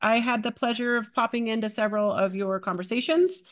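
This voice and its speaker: A woman moderating an online workshop, brisk and friendly as she calls on speakers. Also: a little high. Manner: brisk and friendly, moving things along. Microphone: video call.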